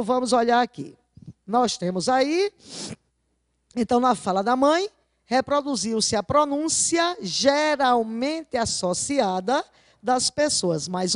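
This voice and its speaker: Female teacher, slightly high and very animated, didactic, poses rhetorical questions, dry close sound. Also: no room sound. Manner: keeps asking her class rhetorical questions; didactic, stresses key words slowly. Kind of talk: video lesson going over exam answers.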